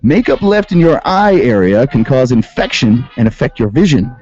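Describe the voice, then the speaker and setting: A sarcastic man hosts a comedic radio segment, reading out rules and riffing on them. His voice is mellow and swings widely in pitch. The sound is dull and lo-fi, with faint music underneath. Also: very animated, moderate pace, breathy edge. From Western New York. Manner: sarcastic, reads rules aloud and riffs on them. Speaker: radio show host. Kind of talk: comedic commentary.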